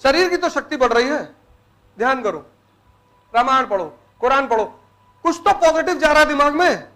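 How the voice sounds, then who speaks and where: High-voiced blunt teaching man. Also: expressive, moderate pace, sharp tone. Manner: blunt, teasing, colloquial advice. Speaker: motivational teacher. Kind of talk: motivational lecture to students.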